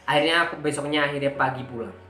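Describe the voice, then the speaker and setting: A man vlogger telling a personal story in casual talk, emotional and animated, acting out what people said. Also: on the high side, fast talker. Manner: emotional, animated retelling with acted-out quotes. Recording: echoey room with faint background music.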